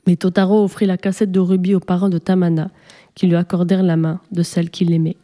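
A woman storyteller reading a fairy tale aloud in a calm, measured way. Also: on the low side. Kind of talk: storybook narration.

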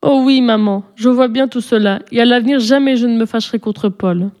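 A woman's voice: fairly high pitch, a little fast, a little mellow, natural voice. A woman reading aloud and voicing a remorseful, tearful little girl in a storybook, in a pleading, earnest way.

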